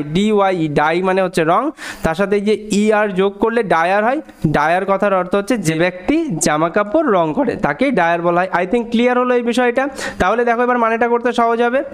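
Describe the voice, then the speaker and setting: A man teaching a story line by line, reading the English words slowly and explaining them at a quicker pace, often checking that learners follow. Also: high-pitched, clean tone. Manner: slow and deliberate on English phrases, quicker in explanations; asks learners frequent check questions.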